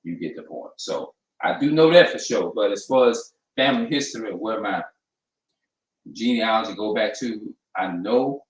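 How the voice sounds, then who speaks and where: A low-voiced man from New Orleans, USA, hosts his channel with casual vlog talk. He rambles and hesitates, restarting often and using many fillers. The room is echoey and his voice is off-mic, so he sounds distant.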